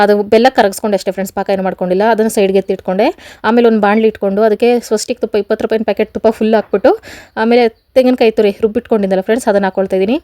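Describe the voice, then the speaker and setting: A woman's voice: medium pitch, mellow, dry recording. A woman in her thirties with a rural Karnataka Kannada accent, chatting casually to viewers in a home vlog. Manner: chatty, addresses viewers as friends constantly. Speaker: vlogger.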